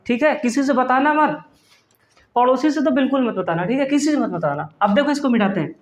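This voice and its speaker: A man's voice: very high-pitched, a little fast, roomy sound. A male chemistry teacher giving an online class, playful and teasing, calling his students "beta" and answering his own questions. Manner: calls students "beta" affectionately.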